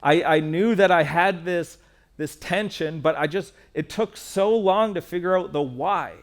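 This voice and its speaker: A man delivering a sermon from a church stage microphone, his voice pitched a little high. He speaks earnestly and candidly, turning personal and repeating key phrases for weight. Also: a little slow. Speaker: pastor.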